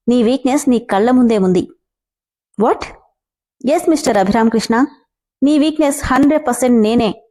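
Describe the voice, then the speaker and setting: A woman's voice: fairly high pitch, darkish tone. A woman reading a romance story aloud, telling the dialogue of both lovers with feeling. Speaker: story narrator.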